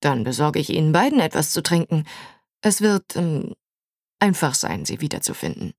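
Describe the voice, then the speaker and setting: A woman's voice: deep voice, very animated, normal speed, vocal fry, a little mellow, dry recording, studio quality, exaggerated voice. A woman voicing a polite, easygoing young American man in an audiobook.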